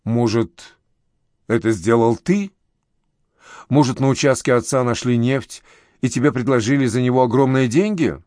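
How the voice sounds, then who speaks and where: A man's voice: medium pitch, moderate pace, long pauses, a little mellow, no room sound, clean studio sound, close to an everyday voice. A man doing a grieving older uncle. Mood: suspicious.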